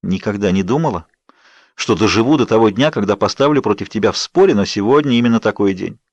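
A man's voice: on the low side, animated, quick pace, darkish tone, no room sound. A man voicing an exasperated, stubborn young woman in an audiobook, protesting and grumbling. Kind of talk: audiobook character voice.

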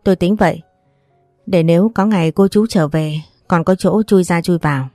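A woman's voice: on the low side, normal speed, mellow, no echo, clean studio sound, soft background music, lightly acted. A woman voicing a stern, protective older man who speaks firmly and scolds his relatives. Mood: calm. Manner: firm, scolding.

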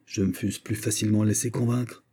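Haughty minister read by a man; husky, raised voice, indignant declamation. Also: on the low side, fairly even intonation, a little fast, warm tone. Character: proud haughty male finance minister, imperious. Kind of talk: audiobook character reading.

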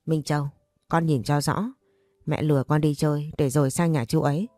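A bitter, estranged father spits out accusations to his daughter in a low, mellow tone, with a woman reading his lines. The sound is close and dry. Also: fairly even intonation, normal speed, no room sound, natural voice.

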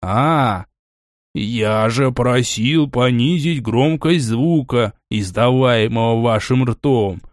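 A man voicing one grumpy head of a three-headed dragon in an audiobook, speaking slowly and complaining. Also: medium pitch, no room sound, studio quality, lightly acted. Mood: irritated. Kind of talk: audiobook character voice.

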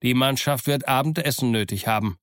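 A man's voice: mid-range voice, a little fast, fairly bright tone, no room sound, clean studio sound, lightly acted. A man doing a curt, commanding sea captain. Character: stern curt ship's captain, middle-aged man.

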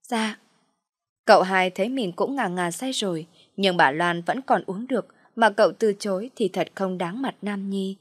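A woman narrating a story in a steady reading voice. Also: medium pitch, normal speed, breathy edge, no echo, clean studio sound.

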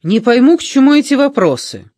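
A man's voice: extremely high pitch, big pitch swings, brisk, darkish tone, no room sound, clean studio sound, pitched above the performer's own voice. A man reading an audiobook, voicing a frightened, angry old woman with scornful, indignant outbursts.

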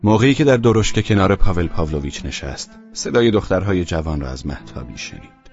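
Low husky guy reading a novel aloud, really expressive pitch, steady pace, dry muffled audiobook sound. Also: faint music behind. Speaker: audiobook narrator. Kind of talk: scripted literary narration. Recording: dry, dull lo-fi recording.

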